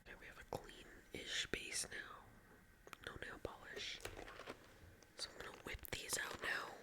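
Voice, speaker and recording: A woman in her twenties chatting in a whispered ASMR style, slightly congested with audible breathing, rambling with many "like" fillers. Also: unhurried. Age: 20s. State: congested, stuffy nose. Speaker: ASMR creator.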